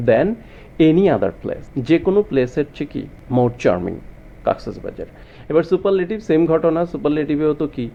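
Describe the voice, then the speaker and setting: A man's voice: a little high, dull audio. A man teaching a grammar lesson to students, often asking them rhetorical questions. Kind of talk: explanatory lesson.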